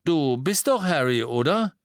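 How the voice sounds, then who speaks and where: A man's voice: a little high, very animated, unhurried, no room sound, voice pushed up. A man voicing a wounded young man who keeps cracking dry jokes in a drawl. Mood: joking.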